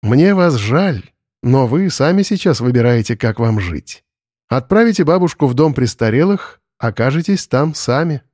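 A man voicing a calm, wise older woman who speaks in a measured, reproachful way in an audiobook. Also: mid-range voice, no echo, clean studio sound, close to an everyday voice. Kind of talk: audiobook character voice.

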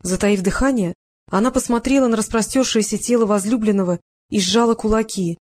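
A woman narrating a novel as an audiobook in a steady, expressive reading voice. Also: medium pitch, brisk. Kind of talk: scripted narration.

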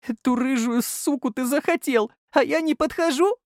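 Man doing a jealous young woman, high, pleading, tearful, swooping, dry audiobook sound. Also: lively intonation, normal speed, mellow, dry recording, lightly acted. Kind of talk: audiobook character voice.

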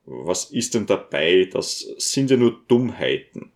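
A man's voice: low voice, very animated, slow, pitched below the performer's own voice, exaggerated voice. A man voicing a wary townsman who brushes questions aside.

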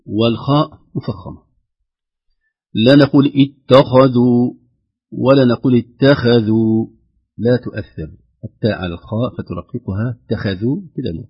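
Guy teaching quran recitation, lowish husky voice, stretches out words to show pronunciation. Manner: demonstrates pronunciation with slow, drawn-out examples. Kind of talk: explanatory lesson on Quran recitation. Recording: dull lo-fi recording.

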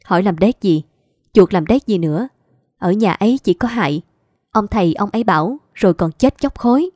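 A woman reading aloud voices a sullen, gruff middle-aged husband who grumbles and curses in an offhand drawl. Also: mid-range voice, lively intonation, normal speed, a little mellow, no room sound, studio quality, close to an everyday voice. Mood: gruff grumbling.

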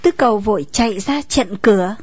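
A woman narrating a story in a steady storytelling manner. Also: mid-range voice, fairly quick, breathy edge, no room sound. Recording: dull lo-fi recording, faint music.

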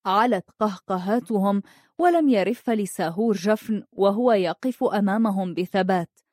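A woman narrating a storybook in a measured, even reading voice. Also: mid-range voice, dry recording, clean studio sound.

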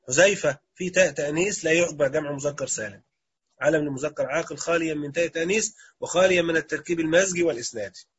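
A man's voice: fairly high pitch, husky, lo-fi sound. A man with an Egyptian Arabic accent teaching Arabic grammar in a classroom lecture, quizzing students and repeating their answers.

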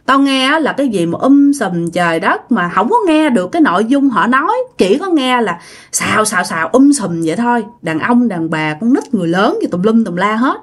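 A woman's voice: a little high, sing-song, brisk. Woman narrator doing a frail, scared old great-grandma, Southern Vietnamese accent, repeats her pleas; folk ghost story. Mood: complaining. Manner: repetitive, pleading exclamations.

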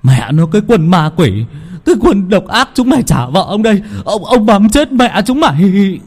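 A man voicing a rough village father who swears and wails loudly, in a spoken ghost story. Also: mid-range voice, wildly swooping pitch, fast, big-room sound. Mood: raging. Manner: gruff, swearing, wailing loudly. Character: rough-tongued village father, hot-tempered and cursing.

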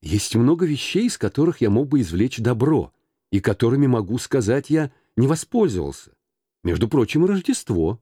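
A man's voice: mid-range voice, sing-song, moderate pace, dark tone, slightly rough, no room sound, clean studio sound. Man doing an eager pleading young nephew. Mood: earnest.

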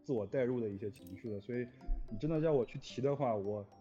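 A man with a mid-range, warm voice speaks fast, talking casually and reflectively in an interview as a composer of music for audio dramas. He sounds earnest, though his phrasing is somewhat hesitant. The recording is dull and lo-fi, with music playing behind him.

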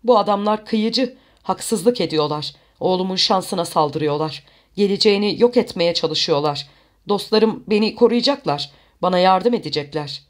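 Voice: mid-range voice, moderate pace, close to an everyday voice. Narrator doing a desperate young fisherman, defiant and bitter, storybook reading. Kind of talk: audiobook character voice.

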